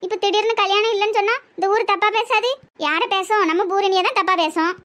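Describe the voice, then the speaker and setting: A woman voicing a patient adult daughter in a cartoon, speaking with a Tirunelveli Tamil accent and gently coaxing and reasoning. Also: very high voice, fairly even intonation, fast. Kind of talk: cartoon voice acting.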